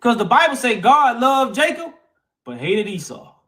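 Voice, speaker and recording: A man with a very high, sing-song, somewhat bright voice co-hosts a religious live-stream panel at normal speed. In a heated debate that turns to preaching, he argues and explains emphatically, repeating phrases and using informal grammar.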